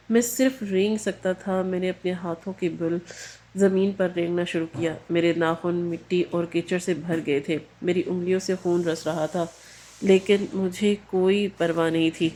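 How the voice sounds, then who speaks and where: A woman narrating a scripted emotional story in a low, warm voice. Her delivery is somber and grave throughout, steady from line to line. She reads in the first person.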